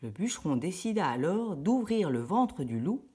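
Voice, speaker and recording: Storyteller: woman reading a children's tale, low-ish and husky, very animated. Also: normal speed. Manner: lively and expressive.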